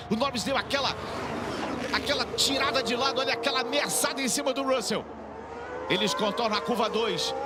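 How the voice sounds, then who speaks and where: A Brazilian man giving live motorsport commentary, excited and dramatic, repeating phrases for emphasis as he calls the race. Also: extremely high pitch, very noisy. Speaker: motorsport commentator, lead announcer.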